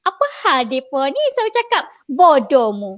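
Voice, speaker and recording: A woman's voice: sits high, animated, a little fast. A woman, a guest expert in a casual chat, who often agrees and adds short comments. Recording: dull, muffled sound.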